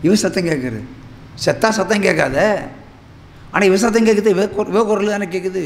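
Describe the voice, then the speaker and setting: A middle-aged man, preaching a sermon and telling a personal story, with dramatic swings between loud exclamations and low murmurs. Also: normal speed, a little hiss or hum. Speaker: pastor. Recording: long hall reverb.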